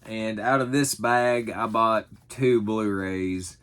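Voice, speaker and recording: A man's voice: lowish voice, slow, a bit bright, smooth. A middle-aged man chatting casually in a folksy, rambling, self-deprecating way, as in an unscripted haul video. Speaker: vlogger showing thrift finds.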